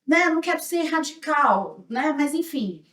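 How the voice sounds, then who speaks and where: A woman's voice: high voice, animated, unhurried, a bit bright. A Brazilian woman leading an anti-racism workshop, talking earnestly and reflectively and often tagging her sentences with a questioning "né?". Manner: earnest, reflective, tags lines with "né?". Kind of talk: workshop talk with a small group. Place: hotel auditorium. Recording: echoey room, mic at a distance.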